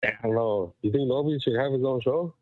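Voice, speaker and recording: A man's voice: medium pitch, fairly quick, no room sound. Muffled man on a phone line, as through a wall. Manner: rambling, emphatic, full of fillers. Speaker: caller. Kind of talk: casual call-in chat. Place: walking outdoors while calling.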